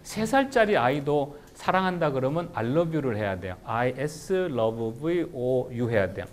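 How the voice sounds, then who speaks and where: A man giving a lively lecture to teachers on how to teach English writing, slowing right down to spell out example sentences. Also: mid-range voice, a little hiss or hum. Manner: animated, shouts example phrases, slows down for English sentences.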